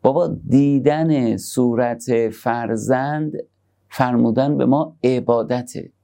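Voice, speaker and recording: A man giving a conversational sermon on parenting, moving between soft, tender asides and emphatic points. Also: medium pitch, vocal fry. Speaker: religious speaker.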